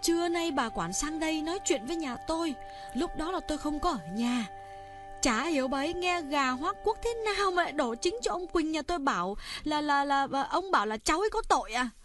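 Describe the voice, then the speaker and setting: A woman voicing a distraught village mother in an audiobook, crying as she talks and quick to scold. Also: sits high, lively intonation, over music. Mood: shocked, indignant. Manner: pleading, then tearful and scolding. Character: distraught village mother, emotional and sharp-tongued. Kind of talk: audiobook character voice.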